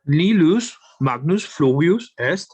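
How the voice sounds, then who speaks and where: A male student with a husky voice, reading lines and answering questions in a slow, hesitant way. He sounds a little unsure at times, pausing before his answers. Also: a little high, lively intonation, a little mellow.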